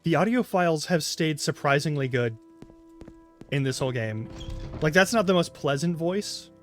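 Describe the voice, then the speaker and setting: Streaming a game, a man chats casually, rambling and frank as he swears freely in his live commentary. His animated voice is fairly high and fairly bright, at a moderate pace, with faint music in the background.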